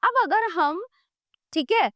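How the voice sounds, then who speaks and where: A woman's voice: very high-pitched, expressive, slow, a bit bright, no room sound, studio quality. A woman teacher explaining a grammar book, sounding out letters one by one and often checking that the listener follows.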